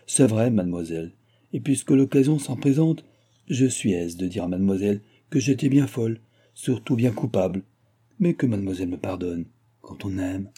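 A man's voice: on the low side, expressive, moderate pace, mellow, breathy edge. A man reading a hesitant young maid. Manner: hesitant, stammering.

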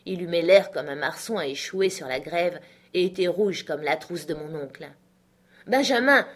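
A woman narrating a classic novel as an audiobook, measured and expressive. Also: low-pitched. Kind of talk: literary audiobook reading.

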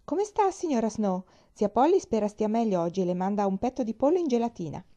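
A woman's voice: mid-range voice, big pitch swings, brisk, warm tone, highs cut off, voice pushed up, close to an everyday voice. A woman voicing a cheerful, chatty little girl in a storybook reading, eager and bubbly.

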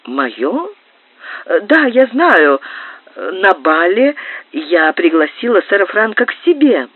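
A woman reading an audiobook, voicing an emotional young countess in love, with a high-strung, pleading manner. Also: sing-song, slow, breathy edge, no echo, exaggerated voice. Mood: agitated. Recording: narrow phone-like band, dry.

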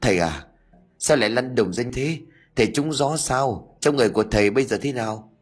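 A man voicing a hot-tempered, superstitious middle-aged father who scolds quickly and sharply in a storybook ghost tale. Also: medium pitch, animated, slightly rough, soft background music. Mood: worried.

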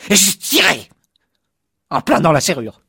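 A man voicing an excitable, sarcastic patient confessing he destroyed his talking house. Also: on the high side, measured pace, gravelly, slightly rough, no room sound, studio quality, voice pushed up, full character voice. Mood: excited. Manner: excitable, sarcastic, swings to shouting.

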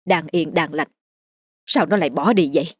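A woman's voice: deep voice, normal speed, breathy edge, no echo. A woman doing a distraught village mother. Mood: alarmed. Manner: agitated questioning. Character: middle-aged village mother, alarmed and upset.

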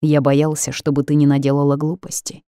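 A woman voicing a quiet, mysterious grown man who speaks gently and with resolve in an audiobook. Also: low-pitched, completely flat delivery, brisk, no echo, clean studio sound, natural voice. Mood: gentle.

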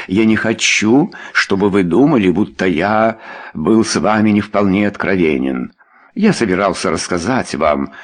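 A man doing a pompous, guilty gentleman. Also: on the low side. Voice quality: pompous, then mumbling.

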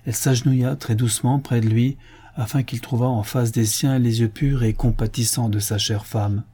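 Husky man reading a novel. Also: medium pitch, fairly even intonation, normal speed, mellow. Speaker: audiobook reader. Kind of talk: scripted narration.

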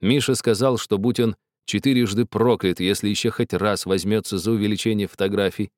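A man reading a story aloud in a steady, wry narrating manner. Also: on the low side, a little fast, dry recording, studio quality. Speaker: audiobook reader. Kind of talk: scripted narration.

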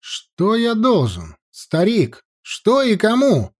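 A man's voice: high-pitched, wildly swooping pitch, takes it slowly, pitched above the performer's own voice, exaggerated voice. A man voicing a proud, hot-tempered young male prince who answers back defiantly, in an audiobook reading. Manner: defiant, indignant.

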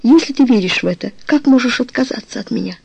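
Brief: a woman voicing a lively young girl of eighteen in an audiobook, raised pitch, husky and teasing. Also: quick pace, full character voice, rough recording. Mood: pleading. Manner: pleading, then teasing and light. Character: passionate young woman, eighteen, playful lover.

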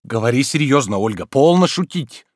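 A man voicing an anxious, fussy, reluctant gentleman in an audiobook, speaking nervously and impatiently. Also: medium pitch, animated, normal speed, dry recording, studio quality, voice pushed up, natural voice. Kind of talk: audiobook character reading.

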